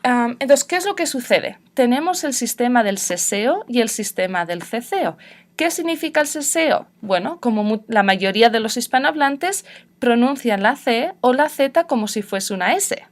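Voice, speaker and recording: A woman's voice: fairly high pitch, lively intonation, normal speed. A young woman from northern Spain with a northern Spanish accent, teaching a class on Spanish spelling with patient explanations and many examples.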